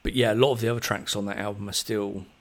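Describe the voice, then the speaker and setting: A man hosting a podcast, chatting about music in a relaxed, thoughtful way with plenty of ums. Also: on the low side, fast. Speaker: podcast host. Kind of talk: casual music chat.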